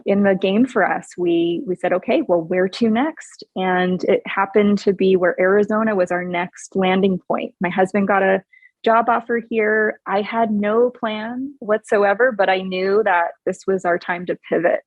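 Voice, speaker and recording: A woman's voice: medium pitch, steady tone, normal speed, no room sound, muffled recording. A woman in her forties from Hawaii, a podcast guest telling her story in an earnest, upbeat way with frequent laughs. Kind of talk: casual interview chat.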